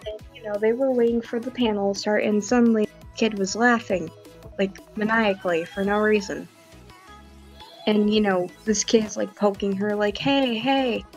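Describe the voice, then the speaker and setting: In a low-quality recording, a woman with a mid-range voice and fairly even intonation talks at a moderate pace over background music. She's a stream host in casual chat mode, rambling through stories with lots of fillers and some swearing.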